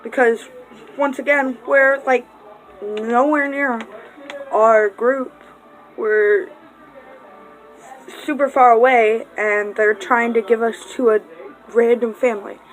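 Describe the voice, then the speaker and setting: A young woman with a slightly high voice tells a casual storytime for her vlog. She rambles, swears freely and breaks off for distracted asides, with faint music in the background. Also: fairly even intonation, slow pace, long pauses, poor audio. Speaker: vlogger.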